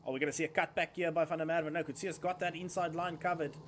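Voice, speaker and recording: A male motorsport commentator calls a kart race live. His voice sits on the high side for a man and follows the on-track action moment by moment. Clear engine noise runs behind him. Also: level tone, fast.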